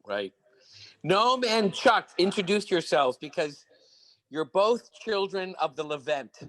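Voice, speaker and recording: A man's voice: sits high, big pitch swings, takes it slowly, a bit bright, rough recording. A man hosting a video-call gathering, introducing guests with playful, repeated phrases. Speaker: host.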